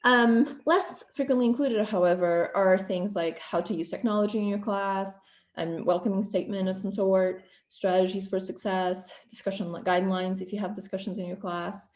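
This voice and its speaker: A woman's voice: mid-range voice, steady tone, normal speed, darkish tone, roomy sound. A woman from Portugal, a non-native English speaker, giving a guest presentation over a video call, fluent but with frequent ums and restarts. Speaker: guest speaker, program coordinator.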